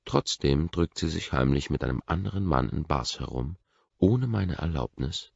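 A man reading a first-person audiobook narration in a measured, restrained way, on a dry, dull lo-fi recording. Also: a bass voice, lively intonation, gravelly, slightly rough, dry recording.

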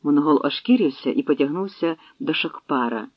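A male narrator reads a battle-filled historical tale with dramatic pacing, his voice sitting slightly high for a man. The recording is dull and lo-fi, very dry, with no room sound. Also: animated, moderate pace, dry recording. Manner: dramatic storytelling. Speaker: audiobook narrator. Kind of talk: scripted narration.

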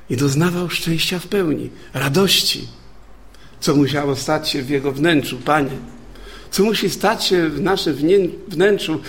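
A man preaching a sermon as a guest preacher. He reads scripture and then puts questions to the congregation, with calls of amen and hallelujah. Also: a little high.

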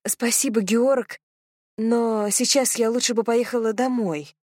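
Flustered young bride in an audiobook, pitched up high, read by a woman. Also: fairly even intonation, unhurried, a little mellow, no room sound, studio quality. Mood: polite.

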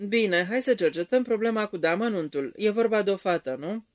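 A reader doing a calm tactful gentleman. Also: medium pitch, dry recording, studio quality, close to an everyday voice. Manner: measured, tactful.

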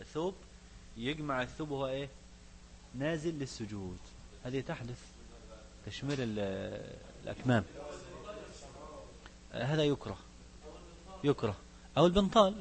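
Egyptian sheikh, brisk classroom teacher, reads classical text then explains in dialect, faint hum. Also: male voice, mid-range voice. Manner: mixes classical recitation with Egyptian colloquial asides, quizzes students. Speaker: sheikh teaching a fiqh book. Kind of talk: religious lesson to students.

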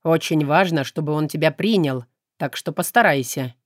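A woman's voice: sits low, no echo, clean studio sound. Woman voicing a cool detached demon. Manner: unhurried, detached, flat delivery. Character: calm aloof male demon, cool and self-assured. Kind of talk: audiobook character reading.

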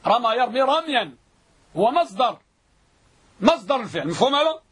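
A man teaching a grammar class, repeating definitions slowly and quizzing his students. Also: extremely high pitch, big pitch swings, fairly bright tone, husky. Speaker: Islamic scholar teaching Arabic grammar.

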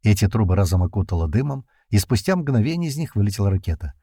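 A man narrating an adventure audiobook in the first person, in a steady storytelling manner. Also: lowish voice, quick pace, dry recording, studio quality.

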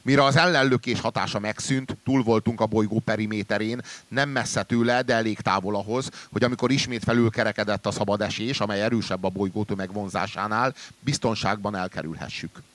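A man reading a literary story aloud in a measured way, trailing low and quiet at the ends of sentences. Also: fairly even intonation. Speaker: reader.

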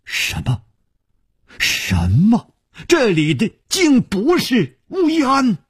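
A restless young swordsman, voiced by a man, mutters his thoughts in a husky, rough voice and jumps into sharp exclamations. His pitch swings widely, and the sound is dry and close. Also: sing-song, slow pace, dry recording, heavily acted. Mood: startled. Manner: muttering, then bursting into exclamations. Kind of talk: storytelling performance.

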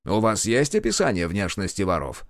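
A man's voice: on the low side, huge pitch swings, moderate pace, creaky, dry recording, clean studio sound, heavily acted. A man voicing a weary, hard-pressed police inspector, in an audiobook. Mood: earnest.

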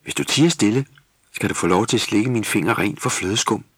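A man's voice: on the low side, animated, slightly rough, no room sound, clean studio sound. A man voicing a cheeky, bossy, hot-tempered female Christmas elf in a storybook recording. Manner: commanding, quick to scold. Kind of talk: storybook character voice.

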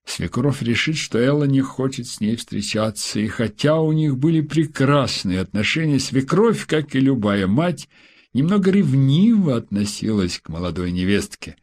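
A man reading a novel aloud as its narrator. His delivery is even and steady, at a middle pitch. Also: normal speed. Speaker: audiobook narrator. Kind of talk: scripted narration.

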